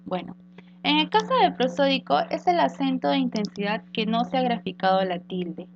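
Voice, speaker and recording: A woman's voice: a little high, moderate pace. A woman teacher giving a recorded grammar lesson, explaining step by step with rhetorical questions and small fillers. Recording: dull lo-fi with mains hum.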